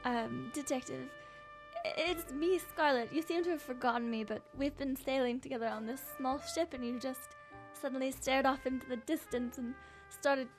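A woman's voice: high voice, fairly even intonation, normal speed, close to an everyday voice. A woman playing a detective's eager, romantic female companion, earnest and a little hesitant, in a comic noir radio play. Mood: hesitant, puzzled. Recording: music playing under the voice.

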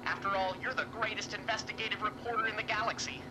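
A woman's voice: medium pitch, steady tone, fast talker, background noise, close to an everyday voice. A woman playing an eager, earnest young cub reporter boy in a retro sci-fi radio drama.

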